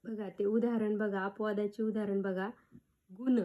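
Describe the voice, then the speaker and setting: A woman's voice: medium pitch, little pitch movement, narrow, tinny audio. A woman teacher giving a grammar lesson to schoolchildren, sounding out syllables one by one and asking questions back to the class. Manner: slow, syllable-by-syllable drilling with repeated questions.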